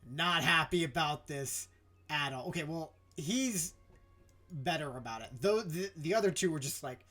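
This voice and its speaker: A man's voice: fairly high pitch, animated, moderate pace, pushed and bright, soft background music. A man running a tabletop game as game master, narrating in a casual, filler-heavy way.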